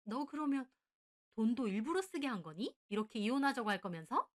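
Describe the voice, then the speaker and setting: A woman voicing a scheming, grasping middle-aged mother-in-law who turns shrill and scolding. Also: very animated, brisk.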